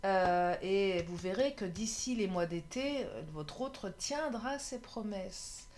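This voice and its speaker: A woman's voice: medium pitch, expressive, slow pace, darkish tone, slight background noise. A woman doing a casual love tarot reading, chatty and often laughing, sometimes tripping over her words. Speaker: tarot card reader.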